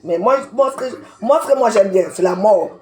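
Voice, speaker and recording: A woman's voice: medium pitch, lively intonation, moderate pace, a little mellow. Heated woman ranting, roomy echo. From Cameroon. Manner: confrontational, repetitive, calls people out by name. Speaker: social media commentator. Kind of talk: heated live-video rant.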